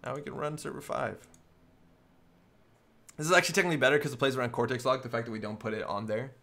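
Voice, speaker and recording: A man's voice: mid-range voice, steady tone, quick pace, creaky, bright, forceful tone. A man giving live, casual commentary on a card game, thinking aloud as he works through each play step by step.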